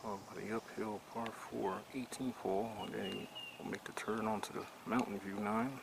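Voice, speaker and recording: A man's voice: lowish voice, fairly even intonation, moderate pace, creaky. A man giving golf commentary as a golf commentator, following play hole by hole, recorded outdoors. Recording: noisy outdoor recording with ambient sound.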